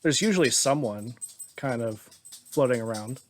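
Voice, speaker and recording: Guy running a tabletop game, laid back, describes stuff slowly, mid voice. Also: mid-range voice, faint music behind. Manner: relaxed, descriptive, chuckles often. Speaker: game master.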